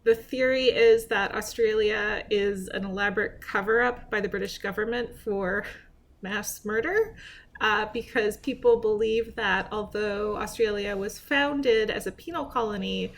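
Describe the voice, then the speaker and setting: A woman's voice: medium pitch, a little slow, creaky, fairly bright tone. A woman guest on a podcast, explaining things in a dry, matter-of-fact casual chat.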